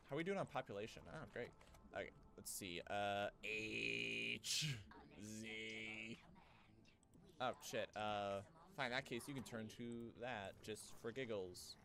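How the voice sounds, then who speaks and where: A man's voice: on the low side, vocal fry, pushed and bright, a little hiss or hum. A man, muttering offhand, sweary commentary as he streams a game. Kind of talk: casual gameplay commentary.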